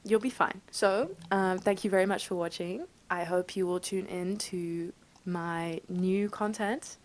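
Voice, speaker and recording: Laughing often, a bubbly, enthusiastic vlogger in her twenties chats to camera from her bedroom in England. She speaks unhurriedly in a lowish voice, her English accent carrying a slight Dutch tinge. The audio is poor.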